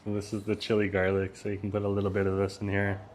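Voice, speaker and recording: Quick-paced with a completely flat delivery, a man chats casually on a live stream from a Vietnamese restaurant, recorded on a phone. He reads chat messages aloud and laughs often, and says he has a loud voice, then lowers it.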